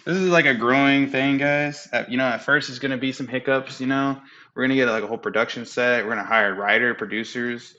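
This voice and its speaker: A young man hosting a casual podcast chat at home, loose, profane and quick to laugh. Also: medium pitch, fairly even intonation, sharp tone, muffled recording. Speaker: podcast host. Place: home room.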